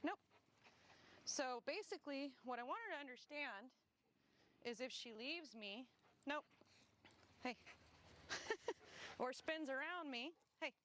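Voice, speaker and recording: Brisk woman trainer, slightly breathless. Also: fairly bright tone, slight background noise. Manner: explains step by step, breaking off for quick high praise and corrections. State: slightly winded from walking. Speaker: dog trainer. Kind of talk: casual instructional talk while walking a dog. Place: outdoors on grass.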